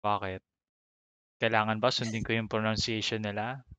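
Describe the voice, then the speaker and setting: A man's voice: on the low side, flat delivery, normal speed, bright, forceful tone, smooth, no room sound. A man chatting casually while gaming, reading out item names and mixing in English. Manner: reads out item names, code-switching, chuckles. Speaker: gamer co-host.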